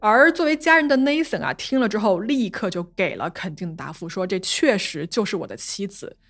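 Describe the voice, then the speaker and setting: A woman's voice: mid-range voice, fairly quick, faint music behind. A woman hosting a podcast, walking listeners through a true-crime case in a storytelling manner. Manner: lively narration, translating quotes into Chinese. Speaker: podcast host.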